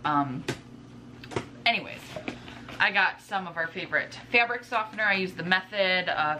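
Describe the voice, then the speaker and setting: Speaking in a lowish voice, a woman in her twenties, a vlogger and stay-at-home mother, casually shows groceries to camera in her home kitchen. Her talk is informal and rambling, drifting into asides, and the home recording is clearly noisy with room ambience.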